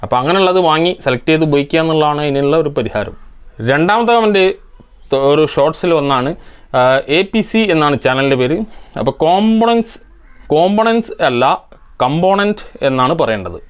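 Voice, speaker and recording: A man's voice: on the high side, lively intonation, fairly quick, clean tone, lo-fi sound. A man from India hosting an electronics repair channel, answering viewer comments with methodical step-by-step technical explanations.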